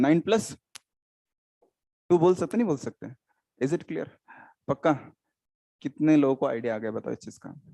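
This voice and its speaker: A man's voice: fairly high pitch, warm tone, no room sound. An Indian man teaching biology in a live class, often quizzing students and repeating terms, switching into English.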